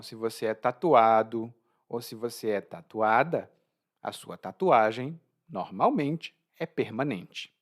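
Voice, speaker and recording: A man with a Brazilian accent teaching a language lesson podcast, explaining expressions slowly, repeating key phrases and checking in with a "hum?". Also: mid-range voice.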